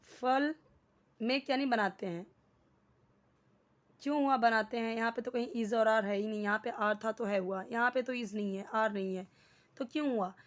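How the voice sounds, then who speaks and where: A woman teaching English in Hindi, explaining sentences slowly word by word and mixing English words into her speech. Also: on the high side, steady tone, lo-fi sound. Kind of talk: spoken English lesson in Hindi.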